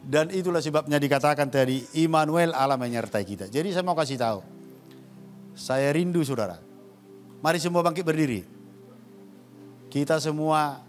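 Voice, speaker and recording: A man preaching a sermon as pastor, calling out to the congregation and swinging between loud rises and hushed drops. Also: mid-range voice.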